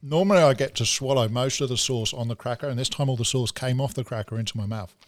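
A man's voice: medium pitch, fast talker, no echo. A man hosting a casual podcast, joking and laughing often. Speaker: podcast host.

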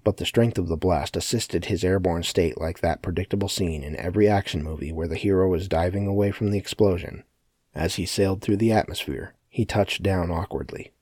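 A man narrating a story as an audiobook in a steady, matter-of-fact way. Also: deep voice, breathy edge, no echo, studio quality. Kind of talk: scripted narration.

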